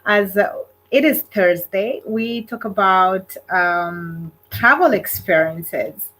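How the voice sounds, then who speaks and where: A Kenyan livestream host chats on her own with viewers, hesitating and filling gaps often. She speaks slowly in a mid-range, slightly bright voice, and the recording is rough.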